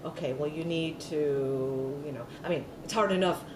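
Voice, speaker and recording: In a noisy, echoey room with a distant mic, a middle-aged woman recounts her oral history. Her voice is low and her pace moderate, and she speaks loosely, restarting often and using many fillers.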